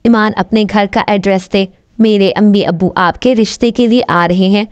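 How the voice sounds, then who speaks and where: An earnest, lovesick young doctor, as a woman reads his lines. His voice stays mid-pitched and pleading, on a dull, muffled and completely dry recording. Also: fairly even intonation, normal speed, dry recording, lightly acted.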